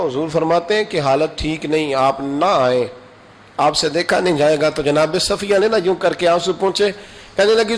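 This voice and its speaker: A man preaching in a fairly high voice. He tells stories dramatically, acting out quoted speech and letting his voice leap upward at key moments. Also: a little hiss or hum. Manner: dramatic, acts out quoted dialogue with sudden high rises. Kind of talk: sermon storytelling.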